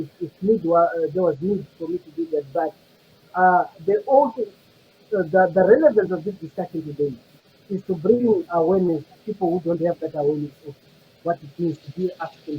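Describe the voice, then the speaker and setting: A man on a discussion panel, speaking in a reflective, halting way. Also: high voice, highs cut off, a little hiss or hum.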